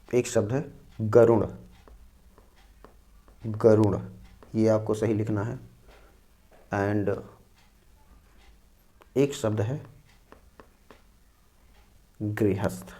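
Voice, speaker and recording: A man's voice: lowish voice, mellow. A man teaching an exam-prep Hindi spelling lesson, repeating each word and explaining it step by step. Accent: North Indian Hindi. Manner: explains slowly, repeating each word and saying "dekhiye" and "theek hai".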